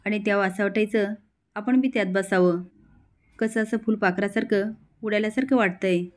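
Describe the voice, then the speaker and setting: A woman's voice: medium pitch, fairly even intonation, moderate pace, lightly acted. A woman voicing a cheerful young village girl who speaks in rustic, countrified speech.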